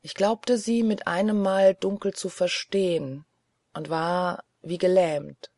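An audiobook narrator reading a literary novel in first person, in a measured, earnest way. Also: mid-range voice, fairly even intonation, darkish tone, dry recording.

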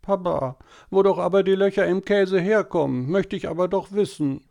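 A man's voice: high voice, moderate pace, vocal fry, a little mellow, voice pushed up. A man voicing a whiny, stubbornly curious little boy in an audiobook story. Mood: insistent. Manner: whining, insistent questioning.

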